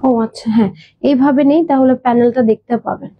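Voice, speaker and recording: A woman's voice: high voice, fairly even intonation, fast talker, muffled recording. A woman hosting a live clothing sales stream, chatty, mixing in English words and hesitating with fillers and repeats. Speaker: online clothing seller.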